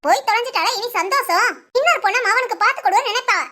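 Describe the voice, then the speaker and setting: A woman's voice: very high-pitched, rapid-fire, bright, forceful tone. A woman voicing a sly, defiant young village wife in a cartoon, sarcastic and muttering spiteful asides, with Tamil village speech. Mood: complaining. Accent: Tamil Nadu village speech. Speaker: daughter-in-law.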